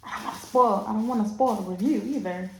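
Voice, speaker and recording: A woman chatting casually while doing makeup, retelling a movie in a sassy, animated way. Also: mid-range voice, quick pace, echoey room. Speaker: makeup artist.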